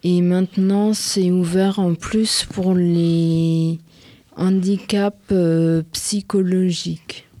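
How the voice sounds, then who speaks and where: A woman in her thirties with a western French accent, answering questions in a radio studio with halting speech and many pauses. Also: fairly low pitch, steady tone, dark tone, no echo. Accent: French, from western France. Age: 30s. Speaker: interviewee. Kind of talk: radio interview.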